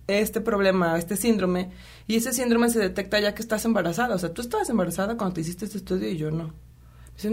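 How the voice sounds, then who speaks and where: A woman with a Mexican accent tells a personal story in relaxed conversation. Her voice sits a little high, and she acts out the lines of the people in it with lively energy. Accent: Mexican Spanish. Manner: animated retelling, acting out quotes, many fillers.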